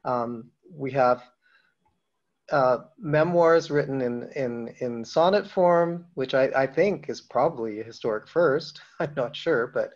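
Man as panel moderator, halting delivery with many fillers, muffled lo-fi recording. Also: medium pitch, a little mellow. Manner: halting, frequent ums and restarts. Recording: dull lo-fi event audio.

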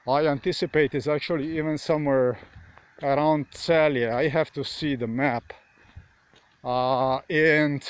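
Slow, halting man. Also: medium pitch. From Slovenia. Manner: halting, full of pauses and restarts. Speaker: vlogger. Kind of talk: rambling monologue. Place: outdoors on a dark road at night.

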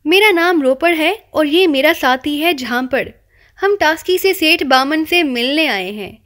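A woman's voice: sits high, lively intonation, a bit bright. A woman voicing a cheeky young male spy who teases people with mock-polite, rambling wordplay, in an audiobook reading. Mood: playful teasing.

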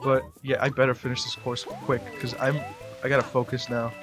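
A man rambling through casual gameplay commentary, excitable, with sudden yelps and outbursts. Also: mid-range voice, fairly quick, music in the background. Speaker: gamer doing a Let's Play.

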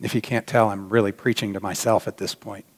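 Delivered briskly in a low-ish, steady voice, a middle-aged man's sermon rings through a large church sanctuary with long reverb. As pastor, he preaches from the pulpit in an earnest, reflective way. On key points his voice sinks to a near-whisper.

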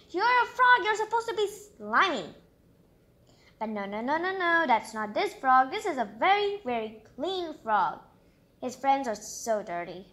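With a high, fairly bright voice, this storybook reader and channel host reads a children's storybook with plenty of expression, pausing for her own chatty, exclamatory asides.

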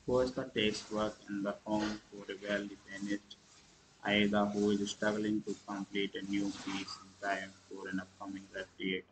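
A man hosting a movie review channel, reading a film summary aloud in a halting way, with slips, restarts and the odd cough. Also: fairly low pitch, level tone, noisy background. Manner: clears throat and coughs between lines.

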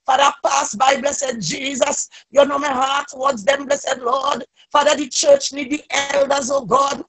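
The recording is rough as a woman with a high voice prays fervently and spontaneously in church. She pleads with repeated invocations, her raspy voice rising into loud cries.

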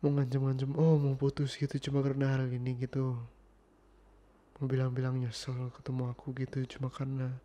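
A man's voice: mid-range voice, close to an everyday voice. A man playing an irritated young boyfriend in an ASMR role-play, arguing insistently and sometimes dropping to a whisper. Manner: exasperated, insistent, slipping into soft whispers.

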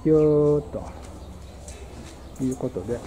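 A man's voice: a little high, steady tone, slow, warm tone, poor audio. Musing Japanese-speaking man on a station walk. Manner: muses aloud, thinking as he goes. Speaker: travel vlogger. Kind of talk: casual travel vlog narration. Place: outdoors at a small rural train station. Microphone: handheld camera mic. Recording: outdoor ambience with birds and traffic.

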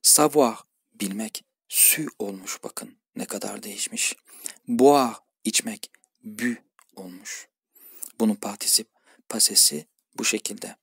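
Husky man teaching grammar. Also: fairly low pitch, a bit bright, no room sound, studio quality. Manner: explains step by step, addresses viewers as friends, repeats words slowly. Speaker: French teacher. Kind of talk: screen-recorded grammar lesson.

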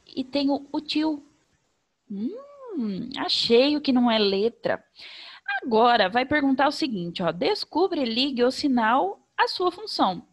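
A Brazilian woman who teaches primary school gives a remote lesson to young children in a Brazilian Portuguese accent. Her slightly high voice is lively and sing-song, and she speaks slowly, over-articulating her words carefully for the kids.

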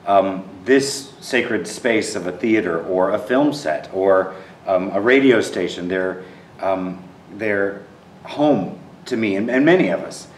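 A Texan theater director in his thirties, with a very deep voice, answers interview questions slowly and with earnest warmth, often restarting and repeating words while he thinks. He is recorded from a distance, sounding set back from the mic. The empty theater lends a roomy echo and a faint ambient hum.

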